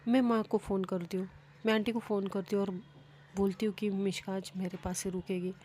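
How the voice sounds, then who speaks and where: A woman's voice: medium pitch, little pitch movement, brisk, mellow, slight background noise, natural voice. A woman voicing a confident, teasing young woman who talks in a breezy, reassuring way.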